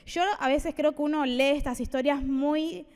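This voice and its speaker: A woman preaches in a high voice, keeping her sermon conversational and playful with asides to the congregation. Her voice carries a long reverb from the church hall. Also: steady tone, normal speed, a little mellow. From Argentina.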